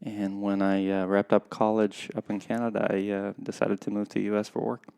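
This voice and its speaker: This podcast guest, a skydiving competitor from Russia in his thirties, talks in a casual interview with a lowish, gravelly voice that's darkish yet clear and resonant. His delivery is flat, and he's reflective and unhurried, pausing often in hesitation.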